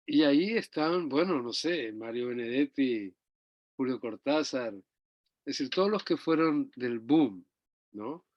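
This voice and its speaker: With a mid-range, expressive voice at a measured pace, the older man from Chile rambles through memories of his parents during an interview, often ending phrases with tag questions. The recording is close, dull and dry.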